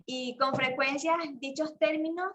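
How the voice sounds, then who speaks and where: A young woman reading a class presentation aloud haltingly, correcting herself as she goes. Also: high-pitched, fairly even intonation, noisy background. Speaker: university student presenting.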